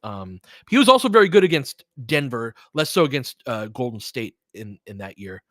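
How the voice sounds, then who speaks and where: A very animated man with a mid-range voice does live basketball play-by-play at a normal pace, weaving casual analysis and listener replies into his running thoughts. The recording is dry, with clean studio sound.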